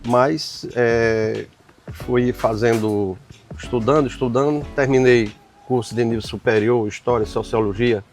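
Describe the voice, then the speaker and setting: An older man from the Paraíba backlands, an author answering interview questions reflectively, often pausing on "né". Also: medium pitch, steady tone, a little mellow, faint music behind. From Paraíba sertão, Brazil. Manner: reflective, frequent "né" tags and pauses.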